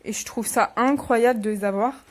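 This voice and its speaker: Unboxing books for her vlog, a young woman who's a little under the weather chats and rambles casually, with some self-deprecating asides. She speaks with a fairly high pitch at a moderate pace.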